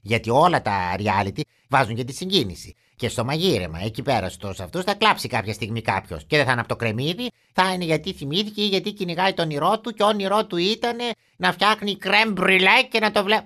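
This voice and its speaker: A man playing a grumpy old grandfather who rants in a mock-indignant comic monologue, his voice swinging high and low. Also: lively intonation, few pauses, sharp tone. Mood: grumbling. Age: older. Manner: mock-indignant grumbling with big pitch swings.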